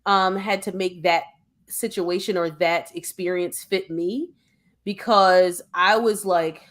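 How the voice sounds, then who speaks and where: A woman from Philadelphia co-hosting a podcast, talking in a casual, animated, digressive way with many restarts. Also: fairly low pitch, slow. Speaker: podcast co-host. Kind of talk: casual conversation.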